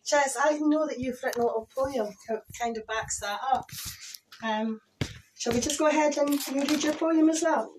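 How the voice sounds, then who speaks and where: A woman's voice: high-pitched, moderate pace, a little hiss or hum, rough recording. A woman co-hosting a casual chat, playful and teasing, prone to giggling. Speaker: podcast co-host.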